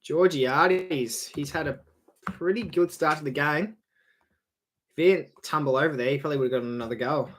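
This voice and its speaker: A young Australian man calling a football match on a live stream, chatty and rambling, swearing freely and getting louder on goals. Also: a little high, normal speed.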